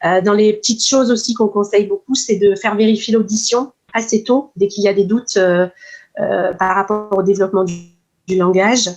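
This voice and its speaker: A woman speech therapist, explaining patiently in an interview, with many pauses and fillers. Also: mid-range voice, steady tone, darkish tone, soft background music. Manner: measured, many hesitations and fillers.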